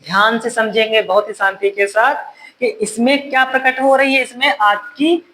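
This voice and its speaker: A man teaching a grammar lesson to a class of students, often repeating his questions and gently scolding them. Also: extremely high pitch, steady tone, moderate pace, a little hiss or hum, rough recording.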